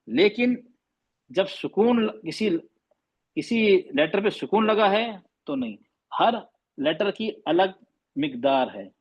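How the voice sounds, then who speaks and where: A man with a high, breathy voice and muffled highs patiently teaches a class, asking questions and repeating his points. He mixes Hindi with English terms throughout the lesson.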